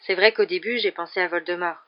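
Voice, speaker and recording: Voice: medium pitch, fairly even intonation, quick pace, natural voice. Audiobook: reader voices a wary teen boy student, curt answers, muffled sound. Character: teenage boy wizard student, guarded.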